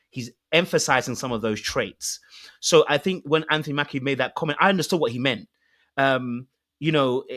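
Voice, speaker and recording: A British man on a discussion panel, laying out his points in a measured, explanatory way with examples. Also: mid-range voice, a bit bright. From Britain.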